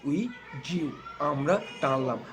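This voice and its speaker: A man teaching an English tense lesson, slowly and deliberately repeating verb forms for the learners. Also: mid-range voice, over music. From Bangladesh. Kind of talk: spoken English lesson with drill repetition.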